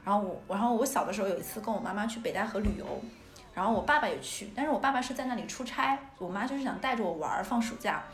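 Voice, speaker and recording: A woman from northeast China hosting a podcast, telling childhood stories in a casual, animated way and laughing often. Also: mid-range voice, rapid-fire. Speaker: podcast host. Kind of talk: casual storytelling chat. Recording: roomy echo.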